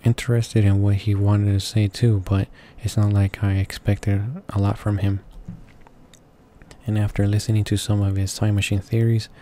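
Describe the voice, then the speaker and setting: There's a little hiss or hum on this clip of a gaming channel host reading a visual novel aloud, stumbling, self-correcting and adding casual comments. His lowish voice shows little pitch movement at normal speed, and game music plays softly.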